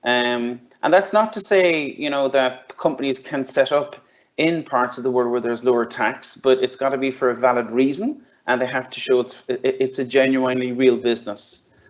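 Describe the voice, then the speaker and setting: A dull, lo-fi recording of a man presenting to a business audience. His pitch is middling, and he explains things conversationally, with some hedging and hesitation as he goes. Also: fairly even intonation, moderate pace. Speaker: webinar presenter introducing a panel. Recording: dull, lo-fi band-limited sound.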